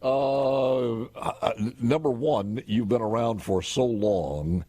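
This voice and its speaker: A man's voice: medium pitch, slow, dark tone, no echo. An older man, a radio talk show host telling wry folksy stories and chatting with a guest in a studio. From Mississippi. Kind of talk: casual radio talk and interview. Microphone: studio boom mic with headphones.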